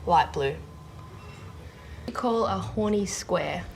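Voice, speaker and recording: A woman's voice: fairly low pitch, takes it slowly, creaky, slight background noise. A woman telling dad jokes, giving a setup and then the punchline. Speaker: contestant in a dad joke contest. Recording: music playing behind the voice.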